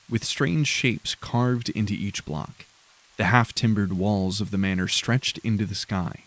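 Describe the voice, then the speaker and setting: A man with a fairly low voice narrates a dark fantasy story in a measured, grave manner. His reading is scripted and steady, and he lets the descriptions settle as he goes. It sounds like a polished audiobook performance.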